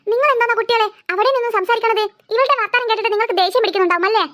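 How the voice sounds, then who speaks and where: Cartoon mother, sarcastic, scolding, very high, bright. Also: very fast. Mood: calm. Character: scolding middle-aged mother, sharp-tongued and sarcastic. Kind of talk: cartoon voice acting.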